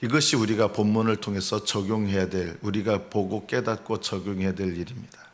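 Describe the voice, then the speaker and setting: A man's voice: fairly low pitch, steady tone, a little fast. A male pastor preaching an early-morning sermon in a church sanctuary, earnest and building in emphasis, sometimes acting out the voices of mockers and angry replies.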